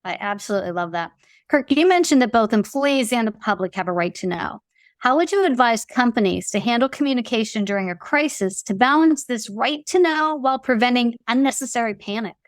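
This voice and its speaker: A woman's voice: on the high side, lively intonation, no room sound, studio quality. Affirming woman host. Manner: affirming, measured questioning. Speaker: podcast host. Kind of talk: interview questions.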